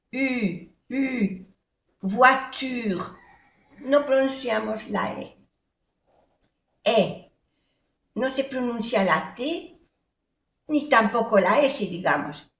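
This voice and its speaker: Slow, patient older woman teaching. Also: a little high, fairly bright tone. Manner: patient, spells out letters and repeats words slowly. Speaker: French teacher. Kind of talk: slow language lesson with spelled-out pronunciation. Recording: echoey room.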